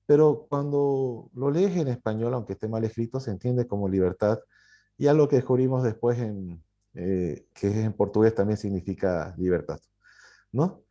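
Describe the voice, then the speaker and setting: A man's voice: on the low side, normal speed, warm tone, muffled recording. A man from Bolivia, a publisher and writer answering in an interview, telling his story with many fillers and self-corrections.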